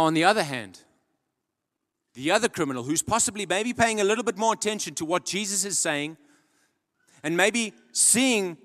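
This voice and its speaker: Male preacher, slightly high voice, storytelling sermon with long church-hall reverb. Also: sharp tone. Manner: storytelling, rhetorical questions. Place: church auditorium.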